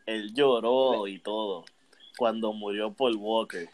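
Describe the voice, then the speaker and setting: A man, co-hosting a podcast, laid-back, letting his lines trail off into quiet asides. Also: on the low side, steady tone, takes it slowly, poor audio. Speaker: podcast co-host. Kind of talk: casual chat. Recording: crowd noise behind.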